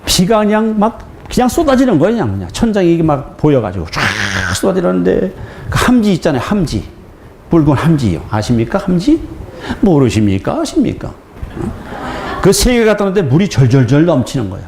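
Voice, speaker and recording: A man's voice: fairly high pitch, fairly quick, vocal fry. A man preaches in a church, acting out each exchange as he tells his story. His voice rises and falls widely as he talks. The recording is roomy and echoey, with faint noise behind. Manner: animated storytelling, acting out dialogue, laughing. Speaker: pastor. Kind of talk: sermon with storytelling. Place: church sanctuary.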